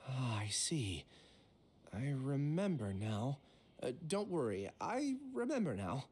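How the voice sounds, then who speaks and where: A woman's voice: very deep voice, sing-song, slow pace, a little mellow, breathy edge, exaggerated voice. A woman playing a troubled, polite young scholar in a game, speaking hesitantly and wearily. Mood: uneasy reassurance. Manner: hesitant, downplaying. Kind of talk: scripted game voice acting.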